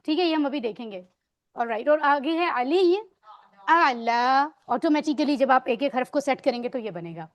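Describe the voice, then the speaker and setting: A woman's voice: high-pitched, expressive. A woman teaching a grammar lesson, patiently quizzing her students on words and mixing English words into her explanations. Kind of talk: online Arabic grammar lesson.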